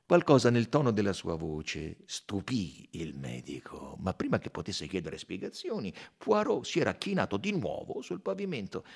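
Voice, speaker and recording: A man reading an audiobook aloud with expressive, dramatic narration. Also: on the low side, moderate pace, creaky, few pauses, husky. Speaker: audiobook reader.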